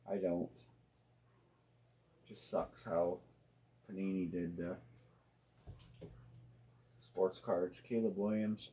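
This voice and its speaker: Low-voiced man rambling on a live stream. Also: warm tone. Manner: rambling, thinking aloud with many fillers and restarts; plainspoken and blunt, uses slang. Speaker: host of a live sports card break stream. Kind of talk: casual live-stream chat.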